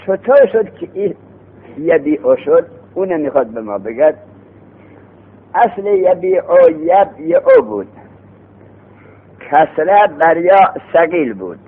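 A man teaching a lesson on grammar who quizzes his students and answers his own questions. He slows down to read the text aloud, then speeds up to explain it. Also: fairly high pitch, sing-song. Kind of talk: Arabic morphology lesson. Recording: tinny phone-like sound.

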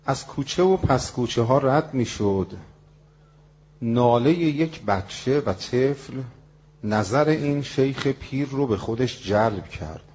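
A male preacher telling a moral story in a sermon, with an emotional, rising and falling delivery and a husky voice. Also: mid-range voice, expressive, a little mellow. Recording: dull lo-fi recording.

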